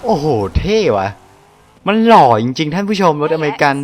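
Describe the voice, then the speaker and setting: A man excitedly commenting on a racing game, laughing often and using crude slang as he translates the subtitles. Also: fairly high pitch, moderate pace. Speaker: gaming channel host.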